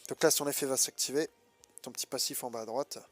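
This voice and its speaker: A man's voice: medium pitch, steady tone, fast, faint music behind. A man with a stuffed-up, nasal voice from a head cold, giving casual, colloquial gameplay commentary and hesitating as he thinks aloud. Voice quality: congested, nasal. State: sick with a blocked nose. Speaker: gaming video host.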